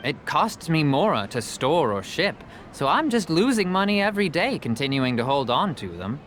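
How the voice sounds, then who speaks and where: In an English game dub, an actor voices a glib, jovial travelling merchant, a persuasive and talkative storyteller with a theatrical salesman's manner. His fairly high, a bit bright voice swings widely in pitch at a moderate pace, sounding breezy and generous over slight background noise.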